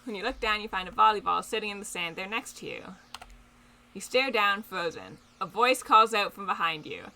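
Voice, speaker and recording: A woman's voice: mid-range voice, moderate pace, bright, forceful tone, a little hiss or hum. A young woman streaming a dating game, chatting casually and reading the game text aloud with giggly asides. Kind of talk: casual let's play chat and reading aloud.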